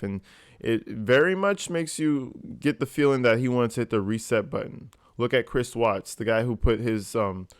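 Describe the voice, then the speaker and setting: A man's voice: on the low side, clean tone, no room sound. Casual male commentator, dry close sound. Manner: informal, swearing, incredulous. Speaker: reaction video host.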